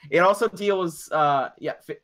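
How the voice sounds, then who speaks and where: A man's voice: a little high, unhurried, a bit bright. Chatty man playing a tabletop game. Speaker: player. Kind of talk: casual game chat.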